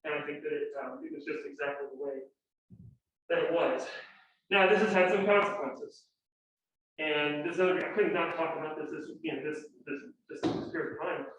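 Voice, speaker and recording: A man's voice: fairly high pitch, moderate pace, fairly bright tone. A man speaking on a panel, rambling with many restarts and hesitations. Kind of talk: panel talk. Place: lecture room. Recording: distant, echoey, dull lecture-room audio.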